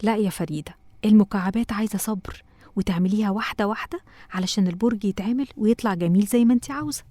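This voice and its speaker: A woman with an Egyptian accent voicing a loving, patient mother in a cartoon, talking gently and coaxingly. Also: medium pitch, very fast, slight background noise, natural voice. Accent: Egyptian Arabic. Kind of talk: cartoon voice acting.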